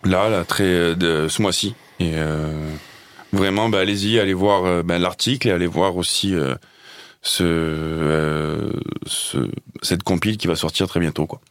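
A man's voice: low-pitched, fairly even intonation, a little slow, dry recording, studio quality. A man presenting music news on a casual radio show, chatty, with many fillers and restarts.

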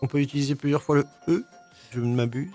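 A man's voice: fairly high pitch, quick pace, warm tone, faint music behind. A man co-hosting a radio show, giving dry, joking replies in casual banter. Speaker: radio co-host. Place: radio studio.

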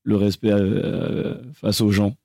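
A young French singer answers interview questions haltingly, pausing and restarting often while searching for words. His low voice is gravelly yet dark and mellow, kept at a level tone. The recording is dry, with no room sound.

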